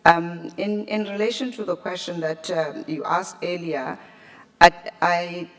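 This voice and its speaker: A woman's voice: on the low side, steady tone, measured pace. A South African woman, a liver clinic doctor, answering a conference question with hesitant restarts and fillers. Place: conference room.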